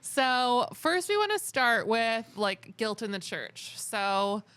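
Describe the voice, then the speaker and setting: A woman's voice: fairly high pitch, very animated, takes it slowly, a bit bright, clean tone, no room sound. A young adult woman co-hosting a podcast in casual chat, wry and steering the topics with questions. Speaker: podcast co-host.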